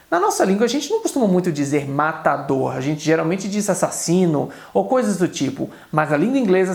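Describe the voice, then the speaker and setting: A man with a Brazilian Portuguese accent teaching an English video lesson, explaining quickly and saying English examples slowly and carefully. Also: fairly high pitch, creaky, roomy sound.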